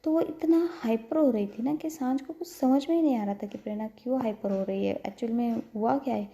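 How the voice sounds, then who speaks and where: A woman's voice: a little high, brisk, mellow. A woman narrating a love story in a casual, chatty way, with frequent fillers and self-corrections.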